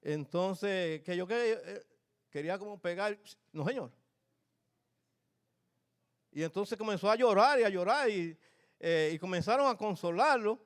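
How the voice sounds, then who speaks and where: A man's voice: high-pitched, measured pace, long pauses. An older man, a pastor, preaching a sermon in church, telling family stories with humor and asking the congregation questions. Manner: storytelling, lively and humorous, addresses congregation.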